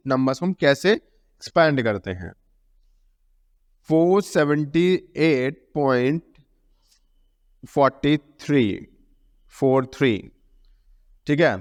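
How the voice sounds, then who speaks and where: A male math teacher explaining a lesson, often asking a question and then answering it himself. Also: fairly high pitch. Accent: Indian English. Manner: repeats key terms, asks and answers own questions; mixes English terms into Hindi explanation. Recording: long reverb.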